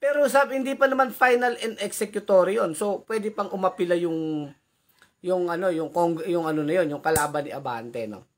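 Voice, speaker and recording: A high-pitched, slightly fast male voice hosts a casual live commentary vlog. He reads viewer comments aloud with chatty, teasing asides, plenty of tag questions and easy chuckles.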